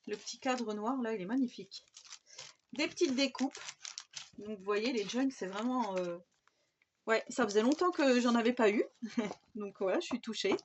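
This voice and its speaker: A woman from France in a casual scrapbooking haul video, chatting her way through craft paper pads with lots of fillers and restarts. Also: fairly high pitch. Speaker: scrapbooking YouTuber. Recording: slightly dull home recording with faint background noise.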